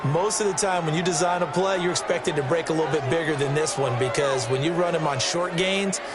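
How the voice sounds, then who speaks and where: Brief: a man as a talkative male color analyst, slightly high voice, roaring crowd behind. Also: brisk, lightly acted. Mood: analytical. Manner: explains at length, conversational. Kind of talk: sports commentary. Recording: loud crowd and game noise.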